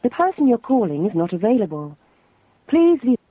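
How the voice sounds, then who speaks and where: A recorded answering-service announcement, heard over a landline phone line, speaking in measured automated prompts. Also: mid-range voice, sing-song, slightly rough, no echo.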